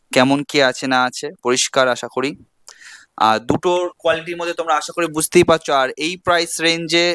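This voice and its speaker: A man's voice: a little high, a bit bright, clean tone, no room sound. A man demonstrating gear to his viewers in a casual vlog, speaking through a wireless clip-on mic with noise reduction processing switched on, explaining step by step. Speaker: gadget vlogger. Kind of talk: casual product demo.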